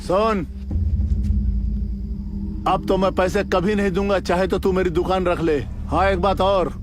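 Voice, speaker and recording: An actor dubbing a defiant village shopkeeper who talks dismissively, in a noisy outdoor track. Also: male voice, high-pitched, fairly even intonation, a little slow. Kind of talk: Hindi film dub.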